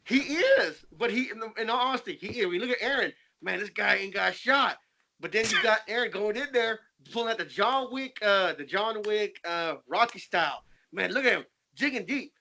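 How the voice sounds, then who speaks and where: A young man with a high, bright voice, trading jokes in loose podcast banter. He rambles through stories and keeps breaking into laughter. The delivery is casual and unpolished. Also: animated, a little fast, vocal fry, slight background noise. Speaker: podcast co-host.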